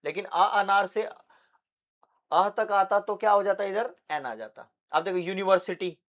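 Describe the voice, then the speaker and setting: A man's voice: high-pitched, unhurried, a bit bright. A young man teaching English basics with a Hindi accent, asking questions and answering them himself. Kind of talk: classroom lesson.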